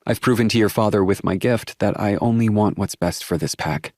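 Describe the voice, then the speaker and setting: A man voicing a sharp-tongued, defiant young woman in an audiobook, dry and sarcastic. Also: on the low side, brisk, no room sound, pitched above the performer's own voice, close to an everyday voice. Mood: flat. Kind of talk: audiobook character voice.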